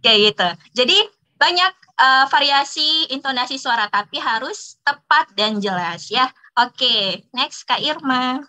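A woman with a high voice teaches public speaking in a relaxed online class. Her voice is very bright and forceful, and her talk is chatty, with frequent laughs and tag words. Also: unhurried, low-quality recording.

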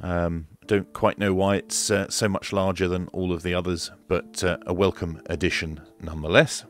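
This middle-aged host reviews radio equipment in a small home studio, narrating close to a desk microphone. He speaks at a normal pace in a low voice with little change in pitch.

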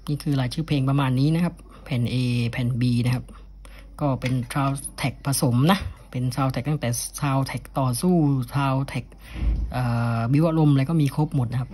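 Presenting a piece from his cassette collection, a man speaks informally and without a script, frequently ending phrases with polite particles. His pitch is medium and his pace moderate; steady background noise runs underneath.

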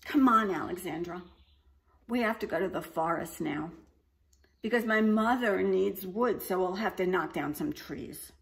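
A woman voicing a pleading young male baby dragon, high, loud and whiny. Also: unhurried, creaky. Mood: eager.

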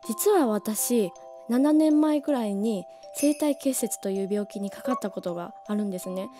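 A woman, slightly hoarse from a cold, explaining things as a voice-training teacher in a friendly, animated way that stretches key words slowly. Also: medium pitch, faint music behind. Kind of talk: casual explanatory talk.

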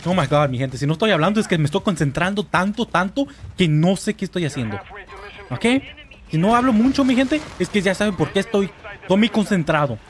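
A young Mexican man giving excitable, jokey gameplay commentary and swearing now and then. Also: sits high, fairly quick. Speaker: gamer. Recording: gunfire from game audio. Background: loud game gunfire.

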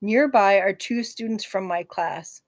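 Slow, gentle woman reading a novel aloud. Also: mid-range voice, no room sound, clean studio sound. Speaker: audiobook narrator. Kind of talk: first-person novel narration.

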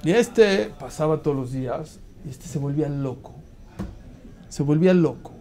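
A man teaching a Torah class, telling a long story with lively pauses and questions to his listeners. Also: a little high. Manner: animated storyteller, asks the audience questions, mixes Hebrew terms.

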